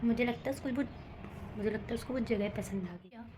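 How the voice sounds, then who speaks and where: A woman's voice: fairly high pitch, fast, background noise. A young woman vlogging casually to camera, chattering nervously and rambling, laughing at herself, moving between a rooftop and a room at home. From India. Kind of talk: casual vlog talk to camera.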